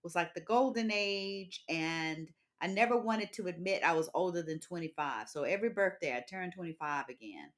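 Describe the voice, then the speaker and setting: A woman's voice: fairly low pitch, moderate pace, hardly any pauses. A woman in her fifties hosting a podcast interview, talking expressively and emphatically and laughing often. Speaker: podcast host. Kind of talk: casual interview chat.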